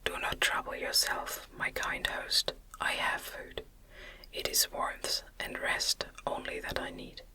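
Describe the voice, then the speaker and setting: A woman's voice: slow, close to an everyday voice. A woman voicing a lonely, anguished male outcast creature in a whispered audiobook, formal and pleading. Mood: polite, humble. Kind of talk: whispered ASMR audiobook reading.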